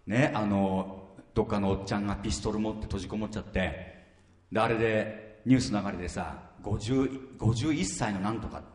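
A man's voice: on the low side, brisk. Man in his fifties, pastor, sermon, rhetorical questions, roomy reverberant church hall. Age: 50s. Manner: animated, rhetorical questions, repeats phrases.

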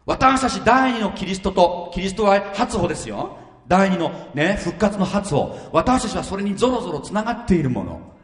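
A male pastor preaching a sermon, animated and firing rhetorical questions at his congregation. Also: high voice, moderate pace. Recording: echoey hall reverb.

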